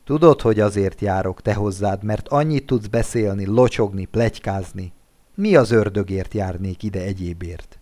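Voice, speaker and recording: A gruff, grumbling old nobleman in a storybook, voiced by the male reader. His voice sits low, and he sounds short-tempered. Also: warm tone, natural voice. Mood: grumpy.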